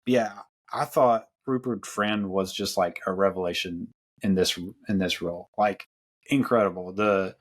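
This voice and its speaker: Very low-pitched male podcast host, loose rambling film chat. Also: fairly even intonation, normal speed. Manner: rambling, many fillers and restarts. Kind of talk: casual film discussion.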